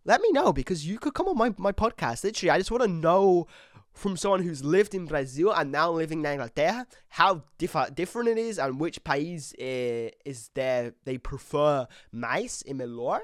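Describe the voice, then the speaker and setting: An excitable young man hosts his own podcast, dropping in clumsy Portuguese as he goes. His pitch swings widely between words, and the recording is close and dry with no room sound. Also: moderate pace, dry recording. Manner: excitable, mixes broken Portuguese into English. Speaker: podcast host. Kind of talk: casual solo podcast chat. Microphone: desk mic on camera.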